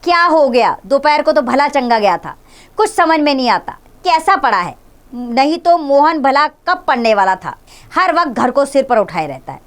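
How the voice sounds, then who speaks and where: A woman's voice: high voice, sing-song, normal speed, voice pushed up. A woman voicing a worried mother who fusses anxiously over her sick son, reading a school play aloud. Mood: anxious coaxing. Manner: coaxing, anxious.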